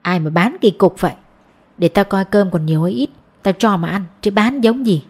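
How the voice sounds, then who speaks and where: A woman's voice: medium pitch, moderate pace, dark tone, slightly rough. A woman voicing a blunt old village shopkeeper. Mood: gruff. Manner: blunt, scolding questions. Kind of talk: audiobook character voice.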